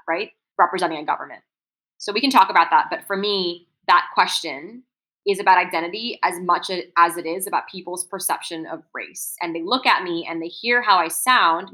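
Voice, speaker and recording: In a rough recording, a Singaporean woman with an American accent speaks in a lowish, pushed, bright voice. Interviewed about her life, she reflects on personal stories earnestly and articulately, often saying "um" and tagging on "right?"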